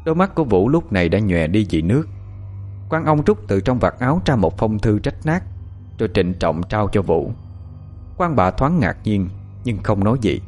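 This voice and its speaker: A man narrating an audiobook story in an expressive, dramatic way. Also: on the low side, moderate pace, faint music behind.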